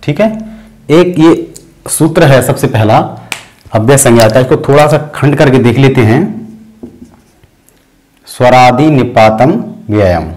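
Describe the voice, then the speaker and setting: A man's voice: mid-range voice, expressive, rough recording. A man teaching a grammar lesson. He talks patiently, breaks terms into parts, and uses many fillers. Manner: chants sutras slowly and softly. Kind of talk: explanatory lesson.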